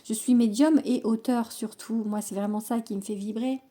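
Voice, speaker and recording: A woman working as a medium, chatting casually to viewers while she reads tarot cards, reassuring them and often pausing with fillers and restarts. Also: on the high side, steady tone, dark tone. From France. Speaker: medium giving a tarot reading. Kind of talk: casual spoken card reading to camera.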